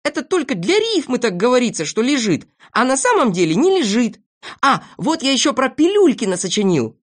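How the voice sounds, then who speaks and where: A woman voicing a cheeky, boastful little boy shorty who chatters excitedly, reading a storybook. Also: on the high side, fairly quick, voice pushed up.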